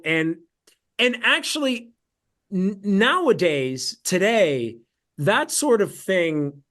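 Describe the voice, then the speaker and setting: Brief: American actor guest, a bit high-pitched, loose rambling delivery over a video call. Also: male voice. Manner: rambling, many fillers and restarts. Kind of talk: casual film discussion.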